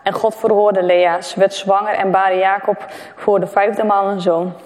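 A woman's voice: mid-range voice, level tone, measured pace, a little mellow. A woman reading scripture aloud, hesitant, with fillers and restarts. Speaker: reader. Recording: long echoing reverb of a hall.

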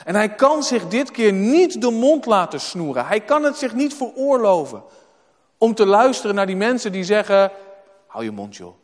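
Male preacher, high voice, emphatic sermon, reverberant church hall. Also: lively intonation, moderate pace. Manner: emphatic, repeats words for weight.

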